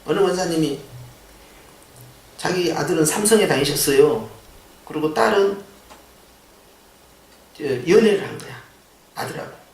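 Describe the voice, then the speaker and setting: A male pastor preaching a sermon in a church, animated and full of rhetorical questions. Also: fairly high pitch, a little slow, long pauses. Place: church sanctuary. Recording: echoey church sound from a distance.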